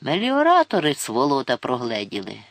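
A man voicing a gruff, mocking older forester who looks down on city folk. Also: mid-range voice, huge pitch swings, normal speed, a bit bright, no echo. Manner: grumbling, scornful, folksy.

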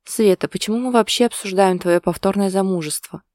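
A woman's voice: mid-range voice, fairly quick, a little mellow, no echo, clean studio sound, lightly acted. A woman voicing a stubborn, teasing young husband in a read-aloud romance story, in a jokey, insistent manner.

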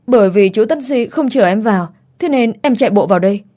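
A woman playing a frantic young mother in a spoken horror story, tearful and breathless, pleading in a high, strained voice. Her tone stays mellow underneath. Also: expressive, a little fast. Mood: hurried.

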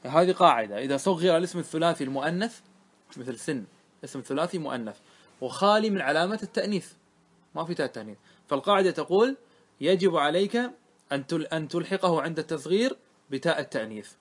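A man with a slightly high-pitched voice teaches a grammar lesson. He recites lines of classical verse at a slow, measured pace, then explains them in plain speech. He keeps checking that his students follow with short questions. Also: animated. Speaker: sheikh teaching Arabic grammar.

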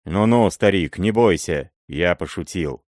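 Hot-tempered young prince, barking orders, read by a man; low voice, dry read. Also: animated, unhurried, no room sound. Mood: imperious. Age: young adult. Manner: loud, imperious, shouting. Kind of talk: audiobook character voice.

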